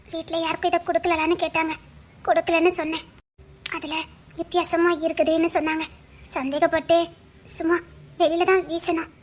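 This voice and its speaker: A woman's voice: very high-pitched, a little hiss or hum. A woman acting a frightened young wife who pleads tearfully with her husband in a family drama. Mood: worried.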